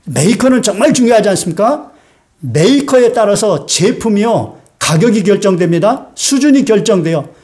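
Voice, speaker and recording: A man with a high-pitched voice preaching a sermon. He talks in an easy, storytelling way, dropping frequent "uh" fillers as he goes. He puts questions to his congregation and has them repeat lines back. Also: expressive, normal speed, darkish tone. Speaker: pastor.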